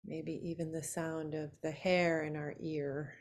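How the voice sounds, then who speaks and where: A woman leads a yoga nidra relaxation meditation, speaking short phrases in a soothing, unhurried manner with long pauses between them. Her voice sits low and her delivery is flat.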